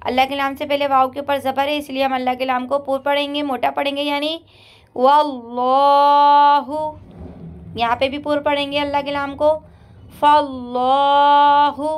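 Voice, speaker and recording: A woman teaching Quran reading rules step by step, explaining patiently, checking in often, and slowly chanting each example word. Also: high-pitched, level tone. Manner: patient, repeats "theek hai" often, chants the sample words slowly and drawn out. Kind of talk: step-by-step recitation lesson.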